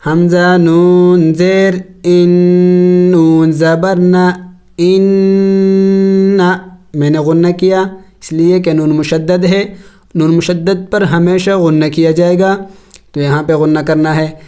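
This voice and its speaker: A man teaching Quran recitation, spelling out letters and vowels slowly, chanting the words drawn out, then explaining the rules in quick asides. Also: on the high side, flat delivery, dark tone. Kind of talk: slow spelled-out tajweed lesson.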